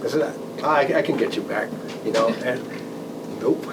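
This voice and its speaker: In a noisy club meeting room, far from the microphone, a former air traffic control manager talks informally and takes questions from the audience. His voice sits at an average pitch, and his halting, conversational style involves frequent rephrasing and repeated words.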